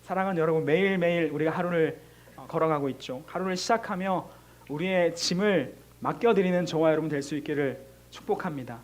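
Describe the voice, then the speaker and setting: A middle-aged man preaching to a middle school youth group, earnest and repetitive, acting out pleading prayers as he speaks. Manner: earnest, repeats phrases, voices pleading prayers with rising pitch; leads the congregation in reading scripture slowly. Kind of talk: sermon.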